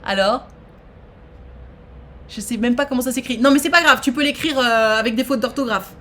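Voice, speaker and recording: High-voiced woman streamer. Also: normal speed. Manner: animated, exclaims and reads questions aloud to chat. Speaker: Twitch streamer hosting a trivia quiz. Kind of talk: casual live-stream chat.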